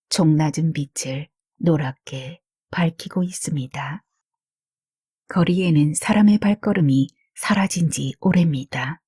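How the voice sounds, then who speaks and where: A woman reading a literary short story as an audiobook narrator, in measured, polite storytelling sentences. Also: sits low, mellow, breathy edge, dry recording, clean studio sound.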